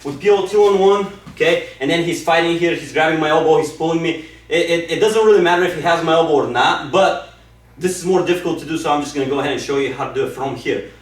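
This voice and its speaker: Man, wrestling coach, fairly high voice, enthusiastic, echoey room, far from the mic. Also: quick pace. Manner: enthusiastic, repeats "okay?" and "super". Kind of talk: instructional technique demo.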